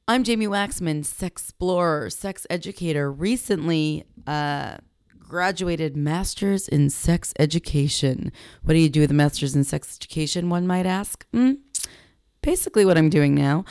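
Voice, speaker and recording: A young woman with a low, gravelly voice hosts her own podcast, chatting in a loose, self-joking way. She talks into a headset mic, and the sound is close and dry with no room around it. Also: a little mellow, no echo. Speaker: podcast host and sex educator. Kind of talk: unscripted solo podcast chat. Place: home studio in a big US city.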